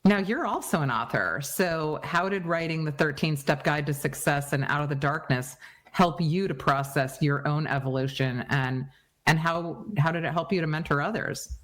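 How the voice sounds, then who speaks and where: A woman's voice: sits low, moderate pace. Affirming woman hosting an interview. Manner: warmly affirming, effusive praise. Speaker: podcast host.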